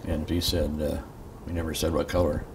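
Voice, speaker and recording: An older man, a veteran, remembering his service in an interview, haltingly and with pauses. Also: extremely low pitch, level tone. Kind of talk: interview reminiscence. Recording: distant mic, clear background noise.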